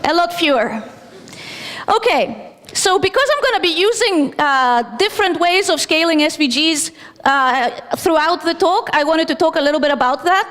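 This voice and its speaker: A woman's voice: extremely high pitch, expressive, normal speed, a bit bright. A woman from Greece in her thirties, giving a chatty technical conference talk with fillers and self-deprecating asides. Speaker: conference speaker. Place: conference hall stage. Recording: long reverb of a large hall.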